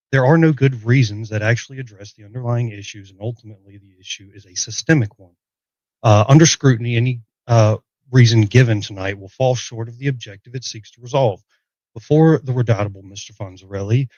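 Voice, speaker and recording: A man's voice: mid-range voice, no echo, lo-fi sound. A man giving a mock-formal debate opening on a mic that crackles and cuts out at the ends of his sentences. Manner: mock-formal, heaps ironic praise on his opponent. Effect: mic crackling and cutting in and out at the ends of sentences.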